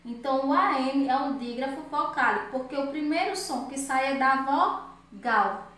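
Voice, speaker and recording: Echoey teacher woman drilling words slowly. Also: high-pitched, fairly bright tone. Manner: slow, emphatic word-by-word drilling. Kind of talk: children's grammar lesson. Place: room at home. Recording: very echoey room, distant mic.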